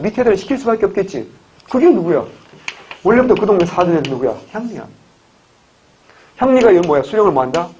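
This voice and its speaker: With a voice that's a little high and darkish, a Gyeongsang man runs an exam-prep history lecture. Question after question, he supplies his own answers, all on a dull lo-fi recording carrying a faint hiss.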